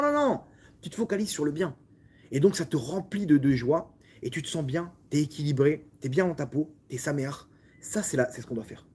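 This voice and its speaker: A man from France with a French accent, a rabbi giving a lively Torah lesson full of restarts and direct questions to his listeners. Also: fairly high pitch, breathy edge. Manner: repetitive, stumbling restarts, talks directly to listeners.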